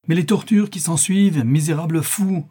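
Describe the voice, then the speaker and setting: A tormented notary in a fevered delirium, his cries climbing high and shrill, as a man acts him out. The voice underneath is dusky and husky, pushed to frantic outbursts in a storybook reading. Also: moderate pace, warm tone. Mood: furious. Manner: frenzied, shrill outcries. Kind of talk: audiobook character reading.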